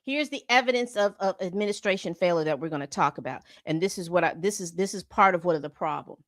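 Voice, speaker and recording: A woman's voice: fairly low pitch, fast, no room sound. A woman hosting a commentary channel, reading from a report and breaking off into exasperated asides. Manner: reads documents aloud then comments with exasperated asides.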